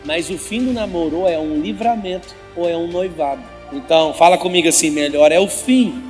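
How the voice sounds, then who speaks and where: A man's voice: on the high side, brisk. A man giving a live motivational talk with religious teaching at an event, teasing and quizzing the audience directly. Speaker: motivational speaker. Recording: reverberant event hall with faint music.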